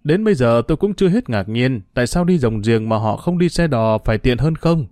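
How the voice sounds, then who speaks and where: A humble, anxious older boatman , as a male reader puts him on, deferential and quick to cry out in worry. The voice is warm and mellow and sits close and dry. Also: medium pitch, expressive, dry recording, close to an everyday voice. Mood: worried. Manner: deferential, fretful exclamations.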